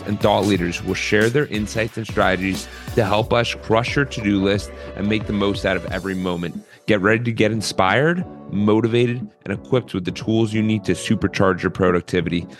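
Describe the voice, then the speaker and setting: A man hosting a podcast, reading an energetic intro and then asking casual interview questions. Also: fairly low pitch, normal speed, soft background music. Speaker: podcast host.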